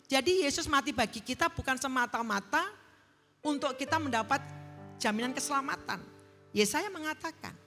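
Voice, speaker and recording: A woman's voice: high voice, moderate pace, a bit bright. A middle-aged woman preacher giving a sermon with a personal testimony, telling her story earnestly and leading the congregation in call-and-response. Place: large church hall. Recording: church hall reverb, faint music.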